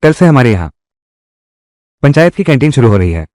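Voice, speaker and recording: A man's voice: mid-range voice, big pitch swings, fairly quick, darkish tone, no echo, studio quality, close to an everyday voice. A man voicing a village leader who makes announcements like a town crier, rallying the people in a dubbed drama. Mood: promising.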